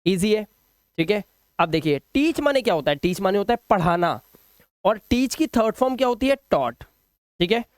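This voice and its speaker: A man with a high, light voice teaches a Hindi-language English lesson. He goes over each word patiently and repeats it several times. The sound is close and dry, with no room echo. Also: very animated. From India. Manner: explains slowly, repeats each word and asks "ठीक है?".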